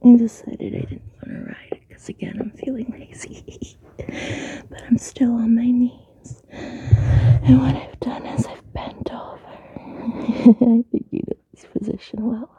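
Whispering woman, slow and hushed. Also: on the high side, level tone. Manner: breathy whisper with soft laughs and sighs. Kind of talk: intimate whispered audio recording. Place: room at home, on carpet. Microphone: close handheld mic.

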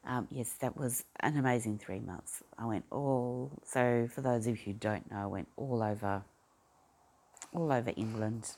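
With a pop song playing behind him, a male vlogger rambles through personal chat in a broad Australian accent shaped by Queensland life, drifting off topic with plenty of ums and restarts. He speaks at a moderate pace in a mid-range, darkish voice.

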